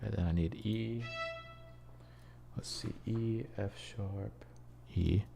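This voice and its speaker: Low, gravelly male composer talking through his work, hums ideas, faint music under. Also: steady tone, slow pace. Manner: muttering to himself, humming phrases. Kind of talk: casual screen-share tutorial, thinking aloud.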